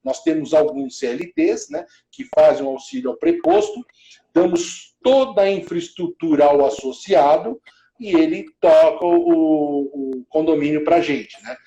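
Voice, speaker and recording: A man's voice: a little high, very animated, unhurried, gravelly, warm tone, muffled recording. Man telling his career story, roomy sound. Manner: rambling, with many restarts and fillers. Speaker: professional building manager, interview guest. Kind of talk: casual interview storytelling. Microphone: video call.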